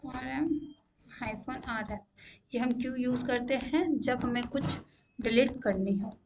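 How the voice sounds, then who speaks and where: Young woman instructor, high voice, patient step-by-step screen-share teaching with frequent check-ins, faint noise. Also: unhurried. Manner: repeats "ठीक है" to check in, asks questions aloud. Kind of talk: screen-share coding tutorial.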